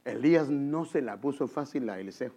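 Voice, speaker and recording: A man's voice: medium pitch, moderate pace, husky. A man preaching a sermon, telling stories and repeatedly calling his listeners brother. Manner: animated, addresses the congregation as brother. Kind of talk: sermon with storytelling.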